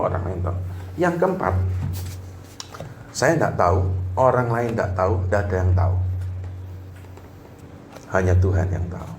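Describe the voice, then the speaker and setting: A man preaching a sermon in a casual, joking, conversational way. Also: fairly low pitch. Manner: jokey, conversational, acts out little dialogues. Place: church hall. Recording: echoey room, faint background noise.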